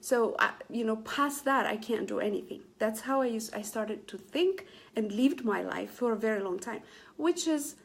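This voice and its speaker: Earnest chatty woman, slightly high voice. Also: expressive, moderate pace, vocal fry. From Ethiopia. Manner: chatty, earnest, many fillers and restarts. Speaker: Facebook Live motivational host. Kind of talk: casual live-stream talk to viewers.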